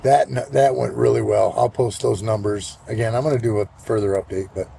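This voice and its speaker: A man in his sixties giving a casual vlog check-in outdoors, talking in a relaxed, rambling way with plenty of fillers. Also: on the low side, a little fast, gravelly, breathy edge. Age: 60s. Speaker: vlogger. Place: outdoors, walking and at a golf course.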